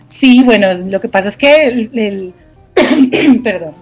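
A woman's voice: fairly high pitch, lively intonation, slow pace, slightly rough, faint music behind. Colombian woman singer, thoughtful interview talk. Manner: thoughtful, searching for words, many restarts. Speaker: jazz singer and composer. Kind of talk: interview answers.

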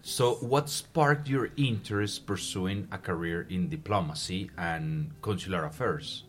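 With a deep, unhurried voice over soft background music, an interviewer questions a student for the audience. The host encourages her, rephrases questions and supplies words she is missing.

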